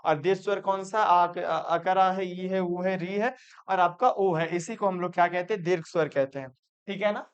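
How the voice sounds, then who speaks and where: A man's voice: high voice, moderate pace, clear, resonant tone, muffled recording. A male teacher giving a classroom grammar lesson, repeating points and asking and answering his own questions. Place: classroom with students.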